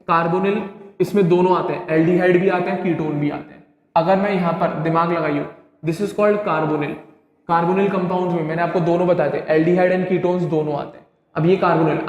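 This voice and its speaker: A male chemistry teacher, lecturing an online class. He keeps asking students if things are clear and answers his own questions. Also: a little high, dull audio. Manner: drilling, asks questions and answers them himself. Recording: very echoey classroom with long reverb.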